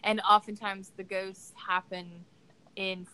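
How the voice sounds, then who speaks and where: A woman's voice: medium pitch, flat delivery, slow, sharp tone, clear, resonant tone, low-quality recording. A woman co-hosting a podcast, talking through ideas in a thoughtful, casual way. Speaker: podcast co-host. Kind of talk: casual discussion.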